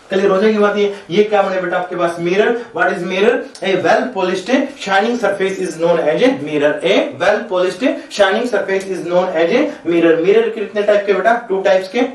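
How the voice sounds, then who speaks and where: A male physics teacher giving a classroom lecture. He asks questions and answers them himself, and he dictates definitions slowly, word by word. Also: high voice. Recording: echoey room, voice from far off the mic.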